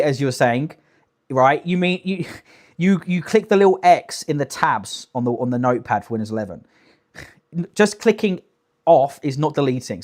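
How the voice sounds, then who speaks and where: A young British man gives casual livestream reactions to clips in a fairly high voice with a darkish tone. He's blunt and sweary, emphatic in an incredulous way.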